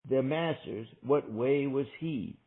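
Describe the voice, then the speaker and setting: Male book-group reader, deliberate delivery, rough husky voice, narrow-band call sound. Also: medium pitch. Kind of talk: reading dense literary prose aloud with discussion.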